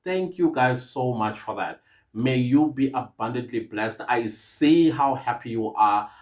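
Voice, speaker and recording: A man's voice: medium pitch, expressive, measured pace. Earnest South African man, rambling podcast host. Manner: earnest, rambling, many hesitations and restarts. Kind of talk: casual podcast monologue.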